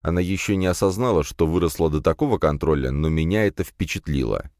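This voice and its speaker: A man narrating a fantasy audiobook in the first person, in a lively storytelling manner. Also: low voice, quick pace, no echo. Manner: lively storytelling with acted dialogue. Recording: dry close studio.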